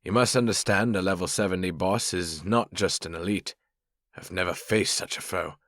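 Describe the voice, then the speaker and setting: A man voicing a formal, wry male elf rogue in an audiobook, measured and dry. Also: low-pitched, steady tone, a bit bright, no echo. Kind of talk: audiobook narration.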